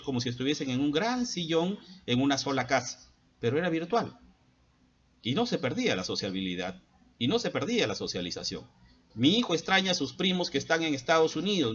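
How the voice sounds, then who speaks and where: A man's voice: mid-range voice, a bit bright, slightly rough, muffled recording. Middle-aged man lecturing parents. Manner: earnest and lecturing, with frequent hesitant fillers. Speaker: school psychologist. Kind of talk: advice talk to parents. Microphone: laptop.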